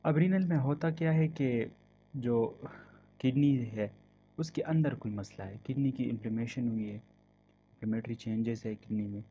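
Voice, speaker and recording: A man delivers a medical lecture at an unhurried pace, reading definitions aloud and then breaking them down. His voice sits at an ordinary pitch. The recording sounds muffled and low-fidelity, with a clear layer of hiss behind it. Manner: slow, explanatory, reads definitions aloud then explains them; mixes English terms into his explanations. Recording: dull lo-fi audio with clear background hiss.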